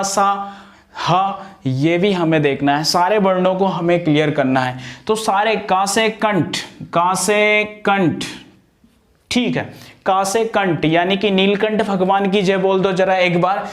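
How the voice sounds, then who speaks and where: High-voiced man drilling a grammar lesson. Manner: repetitive question-and-answer drilling, pronounces sounds aloud. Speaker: teacher. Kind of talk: exam-prep grammar lesson.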